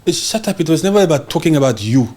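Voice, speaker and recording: A man from Congo hosting a heated political talk show. His pitch swings widely as he jumps between fierce outbursts and lower asides. He is forceful and insistent, and he keeps checking that his audience is following him. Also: very animated, rapid-fire, a little hiss or hum. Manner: fiery, emphatic, swears and repeats "you understand?". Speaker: podcast host.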